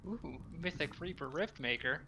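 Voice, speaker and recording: A man's voice: on the high side, expressive, moderate pace, creaky, background noise. A man chatting casually in group gaming voice chat, calling out enemies as he plays. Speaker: online game player.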